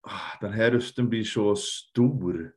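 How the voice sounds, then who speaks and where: A man's voice: fairly low pitch, a little mellow. A man speaking as a guest in a candid conversation, earnest and reflective, often trailing off and repeating words. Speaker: podcast guest, lecturer.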